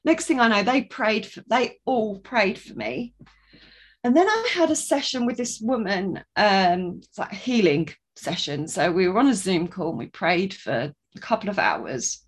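A woman's voice: medium pitch, very animated, moderate pace, slightly rough. Chatty woman telling a faith story. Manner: chatty, restarts sentences, acts out quoted voices. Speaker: guest sharing a testimony. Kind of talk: casual storytelling.

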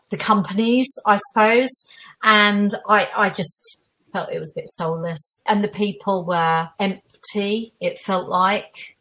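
A middle-aged woman with an Essex accent talks as an interview guest. She is candid and emphatic, often repeating a word to stress it, and keeps a conversational tone at a medium pitch. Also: low-quality recording. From Essex, England. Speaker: podcast guest, tutor and former equities trader.

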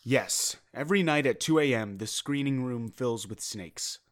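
A man's voice: medium pitch, lively intonation, moderate pace, natural voice. An actor playing a caller, a young movie theater worker, telling his story plainly and a bit hesitantly. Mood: earnest. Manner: plain, matter-of-fact, hesitant.

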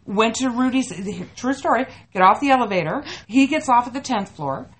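A middle-aged woman from Canada, co-hosting a casual podcast and telling funny stories with an animated manner. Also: on the high side, brisk. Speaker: podcast co-host. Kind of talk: casual storytelling chat.

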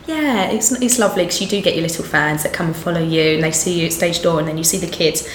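A woman's voice: deep voice, fast. Essex woman, stage performer, chatty and giggly, roomy echo with faint hiss. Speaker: musical theatre performer. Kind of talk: casual interview chat.

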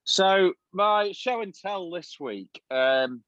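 A male podcast co-host rambles through a long anecdote in casual chat, filling it with plenty of ums and uhs. His voice is high-pitched and a bit bright, with lively intonation and an unhurried pace, captured in a dry recording with the highs cut off.

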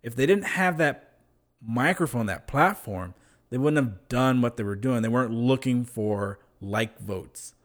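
A man in a casual discussion who makes his case with examples, often pausing on fillers. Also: mid-range voice, lively intonation.

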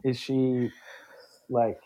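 A man talking casually with someone he has just met, at an ordinary pitch. He rambles, circles back and leans on filler words, keeping things loose and unpolished. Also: level tone, drawn-out words, mellow, poor audio. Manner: rambling, filler-heavy, uses "like" a lot. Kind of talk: casual chat.

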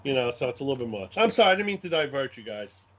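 A man with a Brooklyn accent chatting casually in an animated, rambling way, often repeating his phrases. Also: mid-range voice, very fast. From Brooklyn, New York. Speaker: guest, game scenario designer. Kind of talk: casual chat, anecdotes. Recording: dull lo-fi audio.

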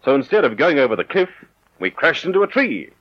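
An actor playing an urbane detective hero in an old-time radio drama, explaining in a measured, articulate way. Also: male voice, a little high, sing-song, breathy edge. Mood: calm explaining. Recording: dull old radio recording with music.

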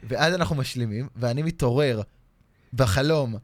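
A man's voice: medium pitch, dry recording. A man co-hosting a podcast, telling a story in casual chat and acting out the other people in it. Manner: animated, acts out shouting voices in his story. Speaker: podcast co-host.

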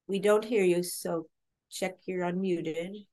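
A woman chairing a meeting over a video call, guiding speakers in a soft-spoken way. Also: fairly low pitch, steady tone, takes it slowly.

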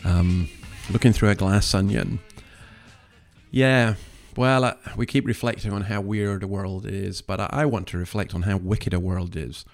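A man's voice: deep voice, fairly even intonation, moderate pace, faint music behind. Earnest man giving opinionated commentary. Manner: emphatic, earnest, moralising, with rhetorical questions. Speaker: commentary podcast host.

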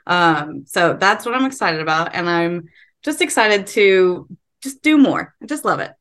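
A woman's voice: fairly low pitch, animated, measured pace, a bit bright. A young woman who is a guest voice actor on a podcast, chatting upbeat and friendly. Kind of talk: casual interview chat.

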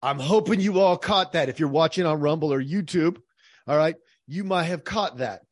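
Energetic man teaching on his podcast. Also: a little high, normal speed, dry recording, studio quality. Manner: energetic, emphatic, teacherly, frequent "all right". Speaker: podcast host. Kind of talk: explanatory podcast commentary.

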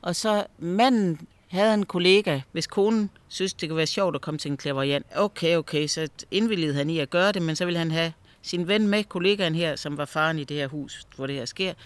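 Lively male storyteller, slightly high voice. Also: few pauses, clean tone, dry recording. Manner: lively storyteller, repeats words when he restarts. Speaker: author and guest. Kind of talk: storytelling in a conversation.

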